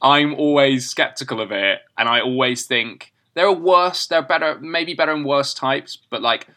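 A man from southern England co-hosting a casual political comedy podcast. His voice is bright and sharp, and he talks in quick, sarcastic bursts broken up by giggles. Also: mid-range voice. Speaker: podcast co-host.

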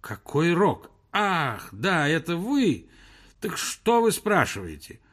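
A man's voice: on the high side, wildly swooping pitch, slow, a bit bright, pitched above the performer's own voice, full character voice. A man voicing an irritable, fussy older male professor who talks in a testy, heated way. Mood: irritated.

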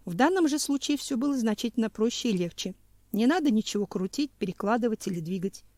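Measured woman audiobook narrator. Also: mid-range voice, mellow, dry recording. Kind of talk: scripted narration.

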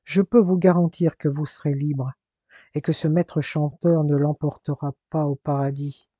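A man's voice: on the high side, fairly even intonation, normal speed, dark tone, no room sound, close to an everyday voice. A man reading aloud voices a protective older father who speaks formally and reassures firmly. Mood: firm, reassuring.

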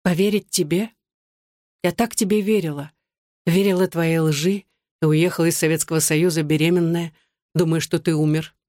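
A woman's voice: low voice, fairly even intonation, moderate pace, darkish tone, no echo, studio quality, close to an everyday voice. An audiobook reader voicing a desperate young woman who pleads through tears and murmurs. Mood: bitter.

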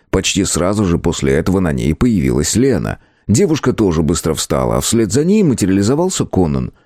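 A male audiobook narrator with a fairly low voice and lively, swinging intonation. He tells the story in expressive scripted narration, recorded close and dry with no room sound. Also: dry recording.

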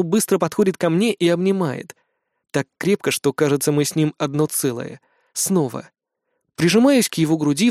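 High-voiced male audiobook narrator. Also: darkish tone, no echo, clean studio sound.

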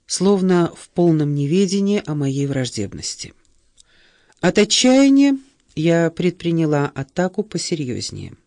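Expressive woman narrating an audiobook. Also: low voice, dry recording, clean studio sound.

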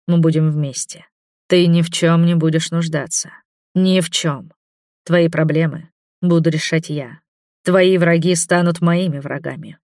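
A man voicing a possessive ancient male vampire in an audiobook, talking in a low, purring, hypnotic way. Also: a little mellow, dry recording, clean studio sound. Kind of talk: audiobook character voice.

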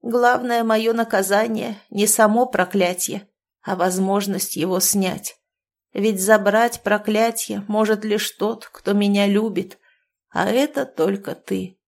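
A woman voicing a grieving old forest witch with a hoarse, resigned, quietly grumbling voice, read from a storybook. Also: mid-range voice, fairly even intonation, slow. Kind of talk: storybook reading.

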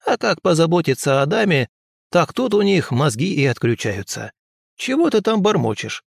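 A man's voice: on the high side, very animated, normal speed, vocal fry, dry recording, clean studio sound, pitched above the performer's own voice, exaggerated voice. A man voicing a shrewd, bossy old village wise woman with a folksy, scolding manner. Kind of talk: audiobook character voice.

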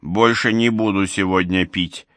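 A man voicing a hungover middle-aged village tractor driver who talks slowly and curtly. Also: deep voice, steady tone, a bit bright, no room sound. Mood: gruff.

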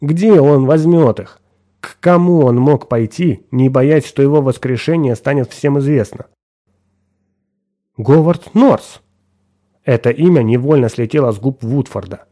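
A man narrating a scripted story in a steady, dramatic manner. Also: mid-range voice, unhurried.

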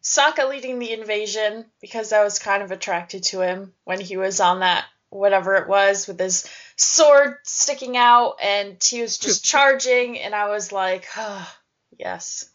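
A woman's voice: mid-range voice, normal speed, few pauses. A woman in a casual podcast chat with a wry, teasing manner. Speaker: podcast co-host. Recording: dull lo-fi podcast audio.

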